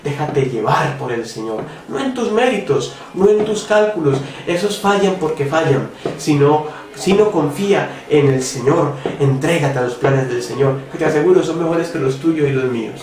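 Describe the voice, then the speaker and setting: A man's voice: a little high, expressive, normal speed, few pauses, far from the mic, background noise. A man giving a devotional reflection, talking earnestly and asking the listener direct questions. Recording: roomy echo, voice from off the mic, faint music.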